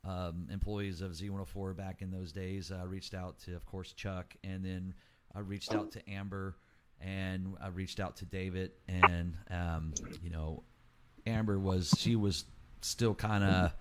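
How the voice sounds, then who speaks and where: A man chatting casually and reflectively, with hesitant, halting phrasing. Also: low voice, flat delivery, background noise.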